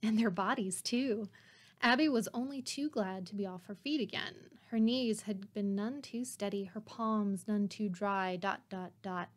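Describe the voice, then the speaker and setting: A woman's voice: mid-range voice, unhurried. A woman hosting a podcast, reading a novel aloud with wry, sarcastic asides between passages. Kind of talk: casual read-aloud with joking asides.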